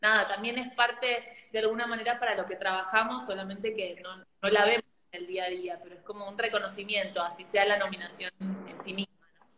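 A woman producer chatting excitedly and emphatically. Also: medium pitch, fast, a little hiss or hum. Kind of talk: casual chat. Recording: roomy echo.

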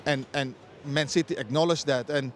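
A middle-aged man debating as a football pundit pitchside, with many restarts and non-native phrasing. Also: steady tone, moderate pace, a little hiss or hum. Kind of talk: studio-style punditry debate. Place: outdoors pitchside at a stadium. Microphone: handheld mic.

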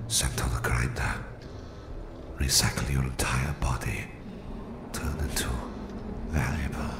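Voicing a cold Russian psychic mastermind who gloats over a captive, a man speaks for an ASMR roleplay in deliberate, breathy whispers. His full character voice is extremely low, gravelly and creaky, and it resonates in a roomy, echoing recording.

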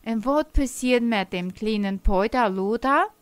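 An older woman telling a children's story slowly and gently. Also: a little high, clean tone, dry recording. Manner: slow, gentle storytelling with dialect words.

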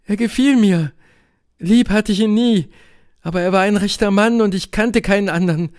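A man's voice: sits high, normal speed, darkish tone, smooth, pitched above the performer's own voice, lightly acted. A man reading an audiobook, voicing a troubled young woman who is bound by duty, pleading and tense.

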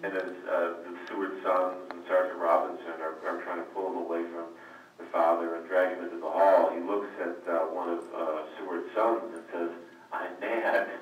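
A man's voice: sits low, level tone, fairly quick, dull audio. A man, an author answering questions on a conference call, telling stories with frequent hesitant restarts and repeated words. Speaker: author guest. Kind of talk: conversational storytelling on a conference call. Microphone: conference call line. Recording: echoey, distant, faint noise.

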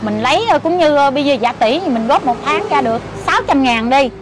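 A woman's voice: sits high, expressive, fairly quick, over loud music. An older woman with a Southern Vietnamese accent, chatting emphatically and telling her story with exclamations. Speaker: interviewee, lottery ticket seller's mother-in-law. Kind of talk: casual conversation. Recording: street noise behind.

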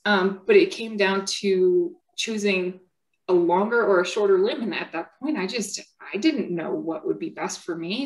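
A young woman speaking as a patient at a symposium, giving a personal testimony in an earnest, halting way with many fillers and restarts. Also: medium pitch, low-quality recording.

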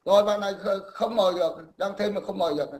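Condescending male host with a high voice. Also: fairly even intonation, fast talker, a little mellow. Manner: lecturing, condescending, clears throat. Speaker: host of a live call-in stream. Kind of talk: lecturing call-in chat.

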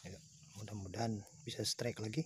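A man filming his wife fishing for a casual vlog. He talks calmly and cheers loudly whenever a fish is caught, recorded outdoors on a handheld phone. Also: lowish voice. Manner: slow calm narration, bursting into excited shouts at each catch. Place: outdoors by a pond bank with crickets and insects. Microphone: handheld phone camera. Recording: faint outdoor insect noise.

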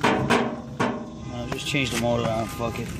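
This casual on-the-job vlog has a young HVAC tech cracking crude, blunt jokes as he walks through a rooftop repair, recording with a handheld phone. He talks unhurriedly in a medium, level voice over loud music. Behind him are the hum of air-conditioning units and traffic noise.

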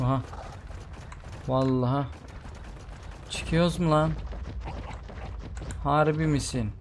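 A man's voice: on the high side, fairly even intonation, slow pace, a little hiss or hum. A man giving live commentary on a video game he plays, talking to himself, often exasperated and exclaiming. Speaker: gameplay streamer.

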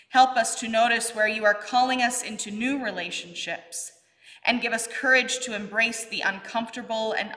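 A middle-aged woman pastor leading worship in a church sanctuary, reading the creed and prayers in a measured, solemn way with her arms raised. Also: mid-range voice, pushed and bright, in a large hall. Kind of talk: leading liturgy and intercessory prayer. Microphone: fixed camera at mid distance.

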